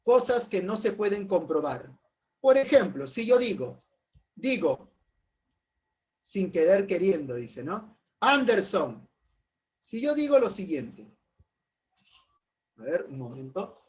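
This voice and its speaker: A man's voice: high voice, big pitch swings, takes it slowly, pauses often, a little mellow. A man teaching a philosophy class in an informal way, calling on students by name, asking rhetorical questions and making jokes.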